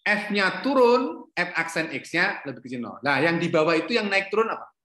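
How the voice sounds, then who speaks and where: This middle-aged lecturer's voice sits high and a bit bright, with a sing-song lilt at a moderate pace. He teaches calculus online from a home room rather than an office, where the sound echoes, asking questions, self-correcting and frequently repeating "ya."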